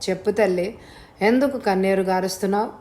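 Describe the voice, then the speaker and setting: A woman voicing a doting old father who pleads gently and affectionately, in a storybook reading. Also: medium pitch, fairly quick, natural voice. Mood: tender. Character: doting old rich father, tearful and tender.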